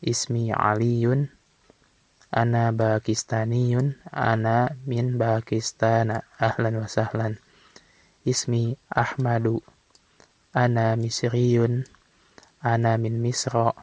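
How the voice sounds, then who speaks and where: A man teaching from an Arabic textbook in a casual way, reading phrases slowly and then explaining them quickly. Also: medium pitch, level tone, a little mellow, no echo. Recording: dull, slightly lo-fi sound.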